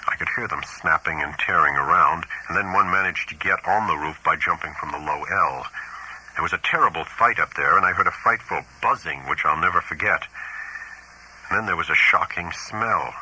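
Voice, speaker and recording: A man reading the letters of a frightened older farmer in a horror audiobook, halting and haunted. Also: low-pitched, pushed and bright, husky, full character voice, rough recording. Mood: uneasy.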